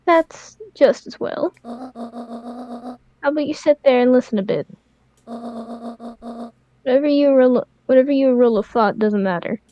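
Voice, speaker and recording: Brief: woman playing a mischievous grandma for a game dub, fairly high, dry close sound. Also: a little slow, pauses often, dry recording, lo-fi sound, faint music behind, close to an everyday voice. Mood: gentle. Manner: calm, warm-hearted advice with crude jokes. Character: kindly elderly grandmother, joking and mischievous. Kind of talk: improvised game voice-over.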